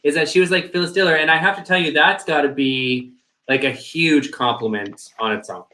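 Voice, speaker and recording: Hoarse-edged man with a bright voice. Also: fairly high pitch, a little fast. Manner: hedging, thoughtful. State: losing his voice, throat-clearing. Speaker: co-host. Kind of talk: casual review chat.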